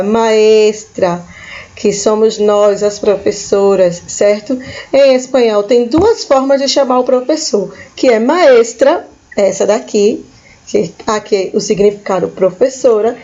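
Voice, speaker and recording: A woman with a Brazilian Portuguese accent leads a patient classroom vocabulary lesson. Her voice sits a little high yet sounds dark and mellow. The recording is dull and lo-fi. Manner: repeats each word slowly, checks in with "certo?". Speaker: Spanish teacher.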